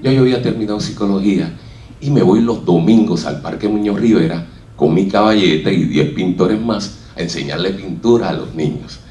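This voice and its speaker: Heard from a distance in an echoey hall, a Puerto Rican speaker with a Puerto Rican Spanish accent gives a personal storytelling talk to an audience, voicing the words of the people in his life story. He speaks at normal speed in a low-pitched, dark-toned voice.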